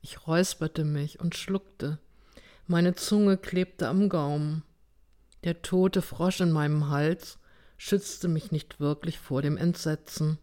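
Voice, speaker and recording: A woman narrating a story in the first person, reading with a measured, even delivery. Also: low voice. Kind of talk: audiobook reading.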